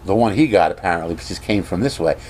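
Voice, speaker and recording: A man vlogging casually, rambling and animated as he gives strong opinions. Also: low voice, rapid-fire, a little hiss or hum.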